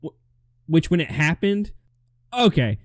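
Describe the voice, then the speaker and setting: A man co-hosting a casual movie review chat, relaxed and opinionated, often restarting his sentences. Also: on the high side, measured pace, no echo, studio quality.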